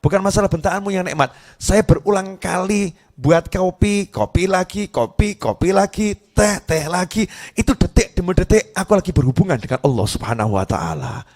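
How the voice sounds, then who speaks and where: A man preaching in Indonesian, voicing a patient, devout wife who answers her husband softly and calmly. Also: sits high. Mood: gentle. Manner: soft, gentle, measured.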